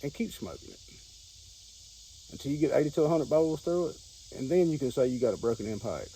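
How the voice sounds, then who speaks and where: A man's voice: mid-range voice, big pitch swings, a little fast, mellow, poor audio. A man with a Southern American accent talks casually and off the cuff like a hobby vlogger, in a folksy, rambling way that circles back and repeats itself. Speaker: pipe-smoking hobbyist video host. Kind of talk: casual unscripted vlog talk. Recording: outdoor recording with clear insect noise.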